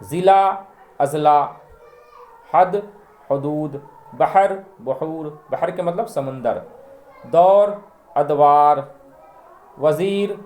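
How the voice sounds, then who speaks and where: A man teaching a spoken grammar lesson, reading out word pairs one by one and repeating them slowly and deliberately for learners. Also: fairly high pitch, a little mellow, reverberant. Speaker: language teacher.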